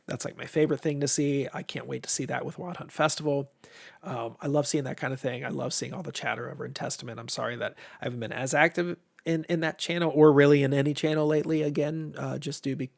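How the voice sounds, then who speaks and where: A man from Ohio with an American accent talks at a quick pace in a steady, gravelly mid-range voice while hosting a game publisher's casual livestream. Allergies leave him stuffed up and his voice tiring, and he rambles informally with mild profanity.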